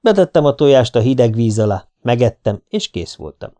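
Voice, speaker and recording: A man's voice: mid-range voice, very animated, mellow. A man reading a first-person hard-boiled novel aloud, in a dry, laconic manner. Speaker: audiobook reader. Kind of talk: first-person audiobook narration.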